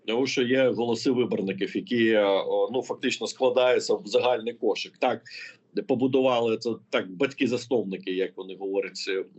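A man's voice: on the low side, brisk, breathy edge. A man working as a political analyst, answering interview questions in an explanatory way, thinking aloud as he goes. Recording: muffled lo-fi audio.

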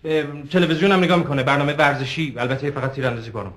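A stiff, overprotective patient. His answers come defensive and halting, in a slightly high voice. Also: fairly bright tone. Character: stiff, overprotective man recounting his family.

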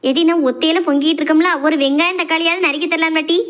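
Nagging cartoon mother, very high and exasperated, voiced by a woman. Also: fairly even intonation, fast talker, lo-fi sound. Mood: scolding. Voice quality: scolding, exasperated. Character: nagging middle-aged mother, scolding and worried. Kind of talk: animated comedy voice acting.

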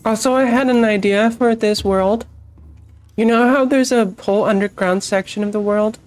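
Woman streamer, morning-rough phlegmy voice, blunt and profane, slightly high pitch. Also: steady tone, normal speed, a little mellow, soft background music. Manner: swears a lot, blunt and chatty. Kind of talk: casual gaming stream chat.

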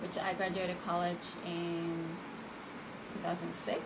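A woman in her thirties, born in Cuba and raised in the United States, answering interview questions in a relaxed, thoughtful way. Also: fairly low pitch, a little slow, heavy background noise. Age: 30s. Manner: relaxed, thoughtful, with small laughs and fillers. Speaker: interview guest. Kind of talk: casual interview. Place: outdoor porch in a tropical garden.

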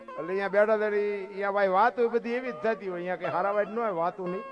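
A man tells devotional folk tales from a stage, his voice sitting high. He talks in a folksy, emphatic way and throws rhetorical questions at the crowd. Plucked string music plays clearly behind him. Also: fairly even intonation, fast, highs cut off. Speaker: folk storyteller. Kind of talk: devotional folk storytelling talk.

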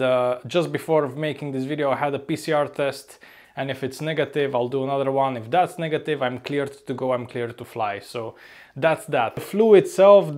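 With a medium-pitched, slightly hoarse voice, the upbeat young flight crew member chats in a casual vlog from his apartment room. He wears a lapel mic and frequently calls out "ladies and gents."

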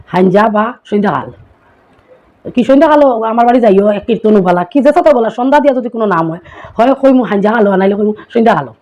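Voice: mid-range voice, a little mellow. A small content creator with a Sylheti accent from Assam, India, explaining words in a casual vlog. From Karimganj, Assam, India. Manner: chatty, keeps asking listeners rhetorical questions.

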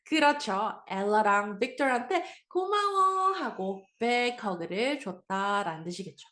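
Slow, lively woman teacher, echoey room. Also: a little high. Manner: patient, explains slowly and asks the listener questions. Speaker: English teacher. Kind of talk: English reading lesson.

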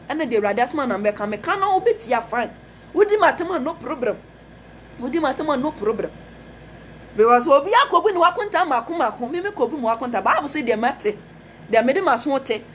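A woman's voice: sits high, slight background noise. A woman with a Ghanaian accent preaching a fervent message, repeating phrases and mixing Twi with English. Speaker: prophetess.

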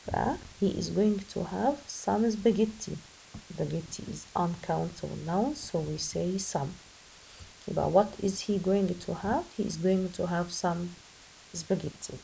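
A woman with an Egyptian Arabic accent teaching an English grammar lesson, switching between slow English and quick Arabic explanations. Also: mid-range voice, gravelly, dark tone, slight background noise, rough recording.

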